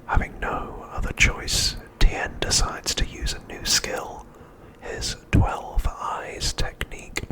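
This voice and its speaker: Whispering in a hushed, breathy, unvoiced way, a man acting as an ASMR host narrates an episode recap with deliberate delivery. The recording quality is low.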